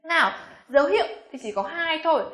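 A young woman with a Vietnamese accent teaching English pronunciation, coaxing and slowly repeating each word with frequent check questions. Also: high voice, lively intonation, fairly bright tone, roomy sound. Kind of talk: classroom pronunciation lesson.

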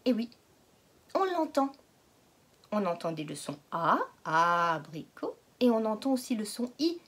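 A woman teaching a phonics lesson to young children, stretching out each word slowly and patiently asking questions. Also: fairly high pitch, big pitch swings, slightly rough. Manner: slow, exaggerated word pronunciation. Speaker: kindergarten teacher.

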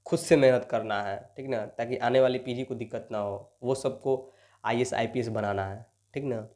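Young male coaching teacher, mid pitch, motivational lecture delivery, constant coaxing tag questions. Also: steady tone, normal speed, darkish tone. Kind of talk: lecture solving exam questions.

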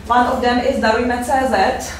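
A Czech woman in her thirties delivers a fundraising talk at a conference, speaking halting, hesitant non-native English full of fillers. Her voice sits on the high side with a level tone. A distant camera mic in an echoey seminar room picks her up along with a little hiss or hum.

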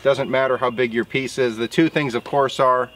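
A man's voice: mid-range voice, steady tone, moderate pace, a bit bright, slight background noise. Easygoing man explaining outdoors at a sawmill. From southern Indiana. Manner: casual, explanatory, folksy. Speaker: sawmill operator. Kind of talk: outdoor how-to vlog.

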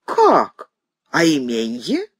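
A woman's voice: rumbling low, huge pitch swings, extremely slow, slightly rough, no echo, studio quality, voice pushed down, heavily acted. A woman reading an audiobook voices a domineering, easily offended older noblewoman mother who exclaims and demands. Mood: indignant.

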